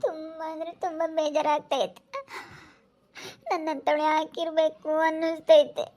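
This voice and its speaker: A woman's voice: high voice, little pitch movement, moderate pace, fairly bright tone. A woman playing a grieving village woman betrayed by her brother. She speaks with a rural central Karnataka accent, sighing and repeating her words. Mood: despairing. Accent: rural central Karnataka Kannada. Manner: lamenting, sighing, repetitive speech. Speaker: actor in a village family drama. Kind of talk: rural domestic drama acting.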